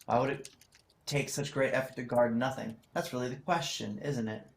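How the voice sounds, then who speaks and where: A man's voice: mid-range voice, fairly even intonation, normal speed, creaky, slight background noise. A man narrating a tabletop role-playing game as game master.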